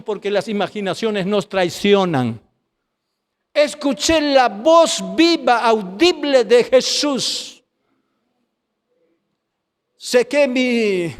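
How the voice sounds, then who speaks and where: A man's voice: high voice, big-room sound. A man preaching his testimony, impassioned and pleading, calling his listeners brother. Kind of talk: testimony sermon.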